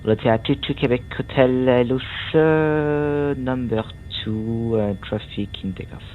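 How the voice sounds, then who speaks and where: A male air traffic controller speaks over a thin radio channel with faint noise. His voice is mid-pitched and he gives tower instructions haltingly. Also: narrow, tinny audio. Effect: aviation radio transmission.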